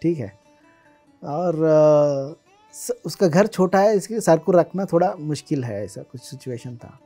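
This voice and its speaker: A man's voice: a little high, unhurried, dark tone, soft background music. A man, a guest, casually telling personal stories in a chatty way, mixing in English words and laughing as he recalls them.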